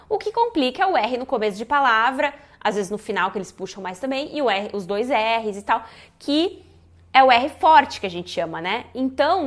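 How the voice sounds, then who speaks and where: A woman, teaching a casual pronunciation lesson and modeling sounds as she goes. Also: a little high. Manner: lively, demonstrates sounds, says "né?" often. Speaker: Spanish teacher.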